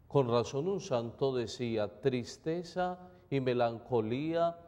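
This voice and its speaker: A man from reads the gospel at Mass in an unhurried, measured, solemn way. His tone is dark and mellow. A long cathedral echo trails every phrase. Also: medium pitch. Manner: slow, measured, solemn reading. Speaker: priest. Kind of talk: liturgical gospel reading and homily. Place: large church during Mass. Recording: long church reverb.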